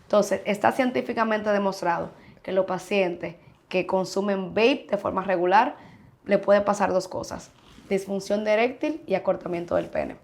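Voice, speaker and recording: A woman's voice: mid-range voice, moderate pace, creaky. A woman urologist answering interview questions frankly and emphatically, sometimes acting out what patients say. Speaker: urologist guest.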